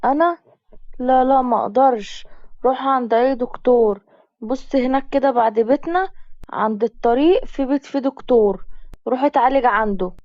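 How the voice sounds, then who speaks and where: A woman's voice: a little high, brisk, a little mellow, dry recording, lo-fi sound, lightly acted. A woman with an Egyptian accent voicing a frightened young village woman who frets with constant exclamations. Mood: fretful. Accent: Egyptian Arabic. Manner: fretful exclamations.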